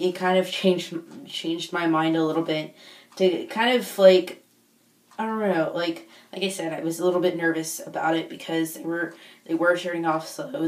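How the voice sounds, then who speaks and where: A low-voiced, slightly mellow woman, a football-fan video blogger, chats unscripted in a casual vlog while recovering her lost voice after being sick. She rambles hesitantly, searching for words, and sounds echoey and distant, recorded in an echoey room on a far-off microphone.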